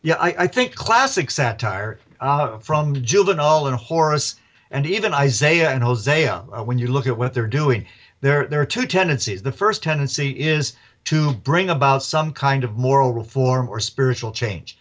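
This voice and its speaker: A man, an author and professor, telling stories as a radio interview guest in a lively, chuckling way. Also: medium pitch, moderate pace, highs cut off.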